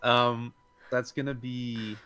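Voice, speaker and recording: A man playing a tabletop game, casually and haltingly describing his character's moves. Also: mid-range voice, little pitch movement, pushed and bright, smooth. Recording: background noise and clicks.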